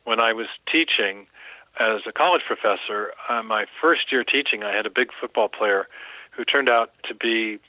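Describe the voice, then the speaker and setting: A man speaking as an interview guest, in a measured, professorial storytelling manner. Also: fairly low pitch, sharp tone, no room sound, dull audio. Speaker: guest author. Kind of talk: interview conversation.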